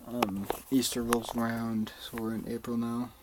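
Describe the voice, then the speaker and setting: A man's voice: medium pitch, little pitch movement, moderate pace, a little mellow, slight background noise, poor audio. A young man rambling through a personal story in a casual vlog, swearing often and using lots of fillers. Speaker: vlogger.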